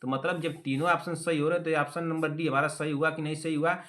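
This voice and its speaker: Young male tutor, bright and slightly high voice, scolds and teases his class, repeats key words. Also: little pitch movement, fast. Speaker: teacher. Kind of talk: online exam-prep class.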